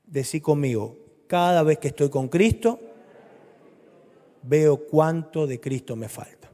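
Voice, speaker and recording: A male preacher with a Rioplatense Spanish accent and a high, lively voice that climbs and drops through his sermon. He swings from loud, urgent lines to soft, low ones. His voice rings out with a long reverb, as in a church hall. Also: takes it slowly.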